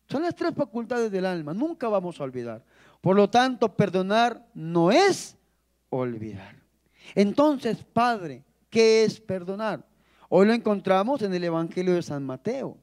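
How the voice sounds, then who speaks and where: A man with a fairly high voice delivers a sermon as a priest. His preaching climbs and falls dramatically, with key words slowed and stretched. He keeps drawing the congregation in with rhetorical questions. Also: a little mellow. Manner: preaching with dramatic rises and drops, drawn-out emphasis.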